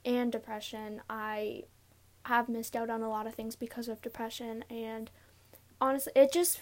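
Young woman, higher-pitched, nervous and giggly, halting casual solo podcast delivery from inside a closet. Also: flat delivery, a little mellow. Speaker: podcast host. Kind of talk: casual confessional solo talk. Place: inside a closet, sitting on a pillow.

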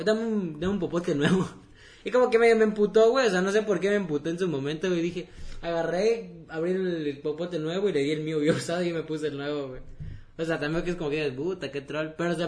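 A man's voice: a little high, fast talker, a little mellow. A young man with a Mexican accent, telling stories in a slangy, casual podcast chat. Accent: Mexican Spanish. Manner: slangy, storytelling with acted-out quotes. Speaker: podcast co-host.

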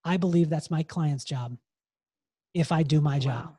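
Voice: mid-range voice, measured pace, mellow, husky, no room sound. A hairdresser and salon coach speaking as a podcast guest, emphatic and given to repeating key phrases. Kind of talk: podcast interview, motivational advice.

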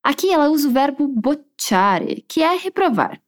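Lively high-voiced woman teacher. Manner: slows down to model phrases clearly for repetition. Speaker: language teacher. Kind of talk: language lesson.

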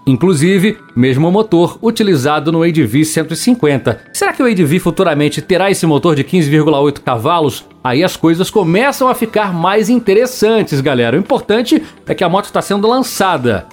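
Chatty Brazilian man hosting a motorcycle show. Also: sits high. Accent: Brazilian Portuguese. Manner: chatty, teasing, direct address to viewers. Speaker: motorcycle channel host. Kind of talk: casual podcast-style review.

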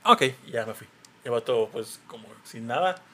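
A man's voice: medium pitch, expressive, moderate pace, a bit bright. A man with a Mexican Spanish accent hosting a casual podcast, rambling and restarting as he tells his stories. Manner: rambling, full of fillers and restarts. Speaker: podcast host.

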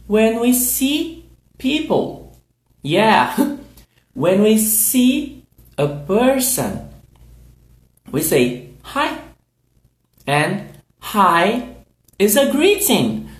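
A Brazilian podcast host with a Brazilian Portuguese accent and a high voice teaches English on a livestream. He speaks very slowly and deliberately, repeating words and drilling phrases for learners to echo back.

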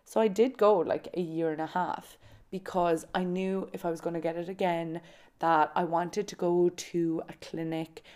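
A woman's voice: lowish voice, steady tone, moderate pace, darkish tone, smooth. A woman in her twenties with an Irish accent from County Kerry in the southwest, chatting informally and confidingly as she tells personal stories to listeners. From County Kerry, Ireland. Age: 20s. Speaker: podcast host. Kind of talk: casual solo chat, personal storytelling.

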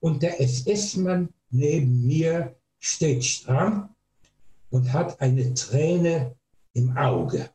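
An older man giving a testimony talk to an audience, telling his story slowly and deliberately with heavy pauses. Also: on the high side, animated, dark tone, roomy sound, soft background music, low-quality recording. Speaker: eyewitness speaker.

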